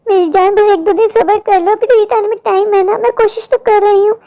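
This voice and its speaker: A woman's voice: very high-pitched, fairly even intonation, fairly quick, mellow. A woman voicing a poor young woman in a cartoon, a worried older sister who pleads in a worn-down, sorrowful way. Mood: despairing. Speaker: cartoon character. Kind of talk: Hindi cartoon voice acting.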